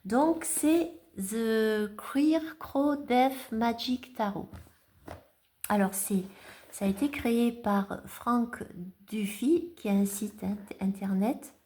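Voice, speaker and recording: A woman's voice: fairly high pitch, slow, darkish tone. A woman chatting at home in a casual vlog, showing her tarot cards, hesitant with many fillers and restarts. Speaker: tarot collector vlogger. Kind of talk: casual show-and-tell vlog.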